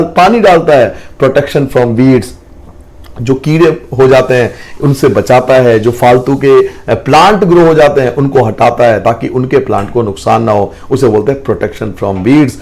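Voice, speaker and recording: A man's voice: medium pitch, a little slow, a little mellow. A man teaching a school science lesson, explaining patiently, repeating key points and addressing students affectionately. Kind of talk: classroom lesson.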